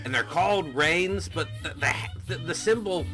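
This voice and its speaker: A man's voice: fairly high pitch, normal speed, over music. A man hosting a reaction video, chatting casually with swearing and laughter between scenes.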